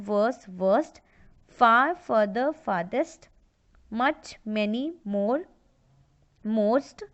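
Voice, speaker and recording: Slow woman teaching grammar. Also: a little high. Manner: mixes Hindi and English, reads word lists out slowly. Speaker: English teacher. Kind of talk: online grammar lesson. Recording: dull lo-fi recording.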